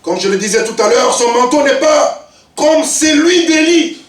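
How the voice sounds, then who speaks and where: A man in his fifties preaching a sermon, swinging between loud shouts and low, emphatic asides. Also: lively intonation, unhurried. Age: 50s. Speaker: pastor. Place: church. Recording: echoey church hall, mic at a distance.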